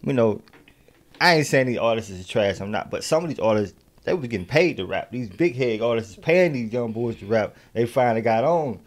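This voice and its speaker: A man's voice: mid-range voice, lively intonation, brisk. A man in his thirties with a mid-range voice, hosting a casual podcast. He rambles, restarts his thoughts, and keeps checking in with his listener. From South Carolina. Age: 30s. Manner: rambling, repeats himself, keeps asking "you see what I'm saying". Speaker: podcast host. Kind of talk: casual interview chat.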